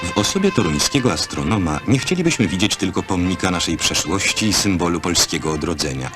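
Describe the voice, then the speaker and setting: Solemn deep-voiced old newsreel narrator. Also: male voice, animated, a little fast. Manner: solemn, formal. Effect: old newsreel narration over music. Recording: archive film soundtrack with loud music behind. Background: music.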